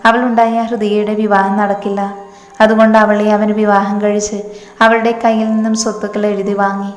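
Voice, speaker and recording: A woman's voice: mid-range voice, level tone, moderate pace, natural voice. A woman voicing a cruel, scheming middle-aged mother in a storybook reading, cold and calculating. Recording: echoey room with long reverb, faint music.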